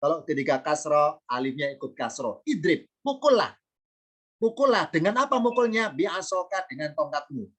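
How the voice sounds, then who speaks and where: A patient male teacher gives an online lesson on Quranic grammar. He reads each Arabic word slowly before translating it. He often poses questions and answers them himself, repeating key points. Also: on the high side, lively intonation, fairly bright tone, husky.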